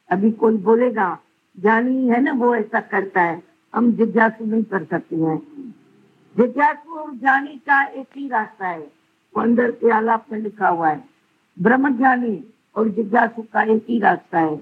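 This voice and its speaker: A woman's voice: a little high, animated, a little slow, phone-quality sound, a little hiss or hum. A woman giving an earnest devotional sermon as a spiritual teacher, pressing her listeners with rhetorical questions.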